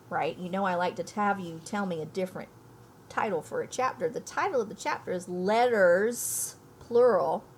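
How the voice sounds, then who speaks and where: A woman with a mid-range voice gives a read-aloud lesson as an elementary school teacher, reading and explaining a storybook. She speaks with emphasis and thinks aloud for young listeners, against slight background noise.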